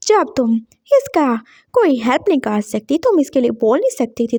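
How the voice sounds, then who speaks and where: A woman's voice: high-pitched, a little mellow, no room sound, clean studio sound. A woman voicing a young man who scolds others indignantly in a story reading.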